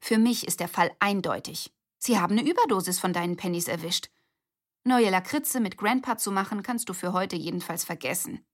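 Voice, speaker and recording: A woman's voice: medium pitch, brisk, natural voice. A woman voicing a sly, teasing young girl in a storybook reading. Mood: confident. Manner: mock-frightened, teasing. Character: sly playful girl Cecilia.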